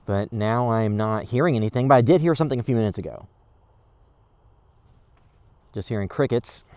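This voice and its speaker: A man's voice: mid-range voice, fast talker, darkish tone, soft background music, close to an everyday voice. A man acting as a casual, skeptical amateur creature hunter in a found-footage horror film, muttering hesitantly to his camera. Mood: musing, wary. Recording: noisy location sound.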